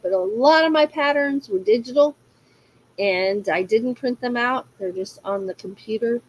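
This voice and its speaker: A woman chats casually on her crafting livestream, reading out comments, her voice a bit hoarse from allergies, full of fillers and breaking into laughter often. She has a medium pitch, and the rough recording has a slight hiss or hum.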